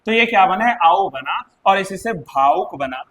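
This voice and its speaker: A man's voice: high voice, animated, normal speed, a bit bright. A man with an Uttarakhand Hindi accent teaching a live exam-prep class, explaining by repeating words and asking his students questions.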